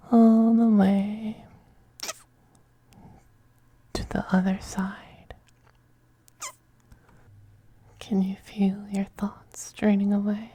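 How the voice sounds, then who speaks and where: With a hypnotic, soothing mood, a performer whispers as a seductive male femboy vampire who is possessive, softly coaxing the listener in a teasing, gently domineering intimate ASMR roleplay. The voice is breathy and medium-pitched.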